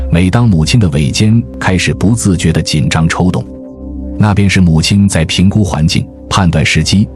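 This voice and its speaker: Over background music, a man with a deep, slightly mellow voice reads a scripted nature documentary as its narrator, measured and storytelling in tone.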